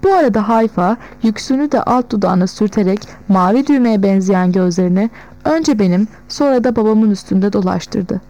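A woman narrating a novel in the first person, in a measured storytelling manner. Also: medium pitch, warm tone, poor audio. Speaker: audiobook narrator.

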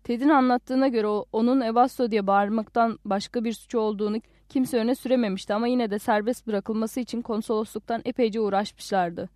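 A woman reading a literary audiobook aloud, in a calm and reflective first-person narration. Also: a little high, a little fast, few pauses, dry recording, studio quality.

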